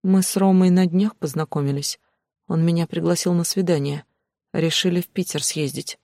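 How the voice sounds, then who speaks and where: A man narrating an audiobook, voicing a frightened, beaten young woman who speaks quietly and haltingly, near tears. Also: on the low side, steady tone, no echo, clean studio sound, lightly acted. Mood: tearful. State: tearful.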